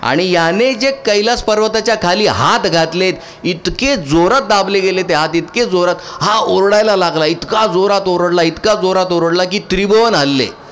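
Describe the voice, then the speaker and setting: Man, fairly high voice, lecture to an audience, rhetorical questions, faint traffic noise behind. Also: normal speed, fairly bright tone. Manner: questions the audience and answers himself. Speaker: speaker addressing a live audience.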